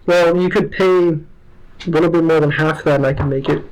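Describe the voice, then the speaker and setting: A man playing in a tabletop game, chatting casually in a quick, eager way. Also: a little high, fairly even intonation, a little mellow, rough recording. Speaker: player.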